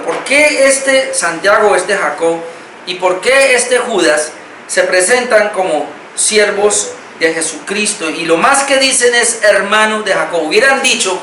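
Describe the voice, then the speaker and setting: A man's voice: high voice, sharp tone. A man with a Colombian accent, a pastor preaching a sermon and explaining each point by repeating key phrases. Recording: roomy, distant mic, faint noise.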